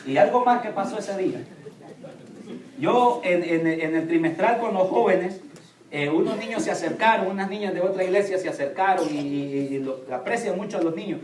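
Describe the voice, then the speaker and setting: A man's voice: high voice, moderate pace, crowd noise. A man, a pastor, preaching a sermon and telling stories about his children, acting out their words. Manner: storytelling, quotes his children in a lively voice. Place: church hall. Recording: echoey church hall from far off.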